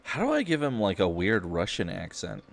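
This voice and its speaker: A man's voice: fairly low pitch, wildly swooping pitch, moderate pace, vocal fry. A man casually commenting to himself while playing a game, offhand and muttering. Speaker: gaming streamer.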